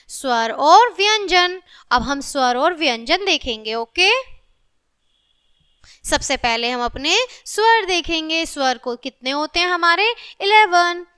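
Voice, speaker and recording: A woman's voice: high voice, fairly bright tone. A woman teacher giving a patient grammar lesson to young children, often calling on them and slipping numbers into her speech. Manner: mixes English numbers into Hindi.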